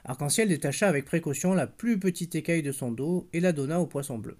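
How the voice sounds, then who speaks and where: Parent with a soft, mellow reading voice. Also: mid-range voice, lively intonation, fast. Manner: gentle, stops to chat with the child. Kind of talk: bedtime story reading.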